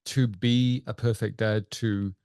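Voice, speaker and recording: Low-voiced earnest male co-host. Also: fairly even intonation, a little mellow, clean tone, dry recording, studio quality. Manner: earnest, thoughtful, with pauses and restarts. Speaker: podcast co-host; father. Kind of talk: reflective interview talk.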